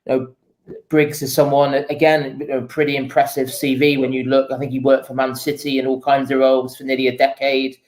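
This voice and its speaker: A man answering interview questions as a football journalist, explaining things in a measured, conversational way. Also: medium pitch, level tone, darkish tone, poor audio. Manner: measured, explanatory, often says "you know". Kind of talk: casual interview answers, informed analysis.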